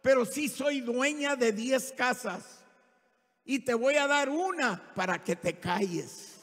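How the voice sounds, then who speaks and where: A woman's voice: sits high, animated, takes it slowly, a bit bright, full character voice. A man preacher voicing a blunt, wealthy neighbor woman, dry in manner, in a reverberant hall.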